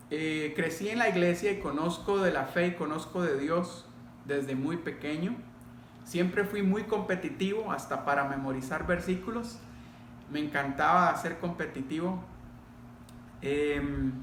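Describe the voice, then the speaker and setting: Sharing his testimony before a congregation, this middle-aged Costa Rican pastor talks in a fairly high, bright voice. He takes his time, pauses, and speaks straight to his listeners, all in a noticeably echoey room with a light layer of background noise.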